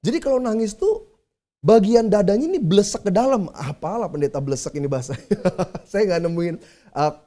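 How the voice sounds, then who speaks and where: Male pastor, mellow warm voice, relaxed conversational sermon delivery straight to the congregation. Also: high-pitched, moderate pace. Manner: conversational preaching, addresses the congregation directly.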